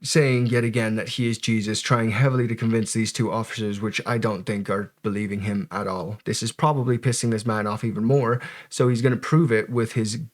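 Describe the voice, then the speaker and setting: A man's voice: on the low side, level tone, brisk, few pauses. A man giving casual, joking and sweary commentary as he reacts to footage.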